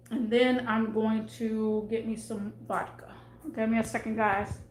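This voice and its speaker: A woman live streaming from her desk at home, chatting in a rambling, casual way and trailing off mid-thought. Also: a little high. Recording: echoey room with faint background noise.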